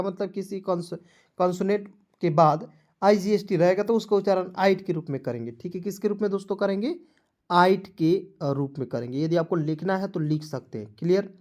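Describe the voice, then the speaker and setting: A man's voice: high-pitched, a little mellow. Man breaking words apart letter by letter. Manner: addresses viewers as friends, asks for likes. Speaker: English teacher. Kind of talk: online spoken lesson.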